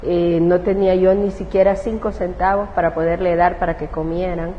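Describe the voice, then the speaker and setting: A woman's voice: lowish voice, flat delivery, moderate pace. A woman pastor with a Salvadoran accent telling her testimony in an interview. She speaks with feeling and acts out the words she once said. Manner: emotional storyteller who acts out her own past words. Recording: roomy, dull recording with faint hiss.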